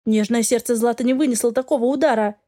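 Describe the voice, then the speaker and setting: A woman's voice: a little high, steady tone, fast, warm tone, lightly acted. A woman voicing a haughty, hostile middle-aged stepmother in an audiobook, speaking in a harsh, accusing way.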